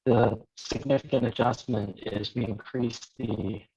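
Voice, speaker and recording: A man's voice: mid-range voice, fairly even intonation, a little slow, vocal fry, dark tone. A man speaking in a meeting over a phone call through earbuds, his voice garbled and breaking up. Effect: glitchy, garbled call audio breaking up. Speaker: town finance official on a call. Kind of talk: meeting remarks. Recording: muffled lo-fi call audio.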